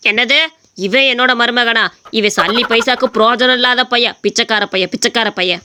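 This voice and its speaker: A woman's voice: on the high side, a little fast, background noise, pitched below the performer's own voice, close to an everyday voice. A woman voicing a grumpy old village father who scolds and scorns the young men in a cartoon story. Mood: scornful. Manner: scolding, contemptuous.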